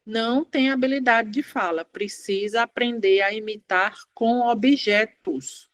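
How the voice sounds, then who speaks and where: A Brazilian woman speech therapist teaches parents directly, stressing and repeating each point with emphasis. Her voice sits a little high and sounds close and dry, with no room around it. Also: a little slow, no echo. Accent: Brazilian Portuguese. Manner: emphatic, repeats key phrases, acts out parents' quotes. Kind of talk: direct-to-camera parenting lesson.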